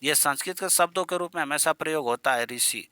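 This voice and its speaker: A man's voice: fairly high pitch, quick pace, bright, forceful tone, smooth, no room sound. A man teaching an exam-prep grammar lesson in a chatty, coaxing way, calling his students "beta" and "yaar".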